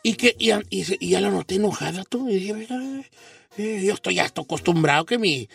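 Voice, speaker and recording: A man hosting a comedy radio show, telling stories and teasing his co-hosts in an animated, playful way. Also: sits high, a little fast, creaky, far from the mic.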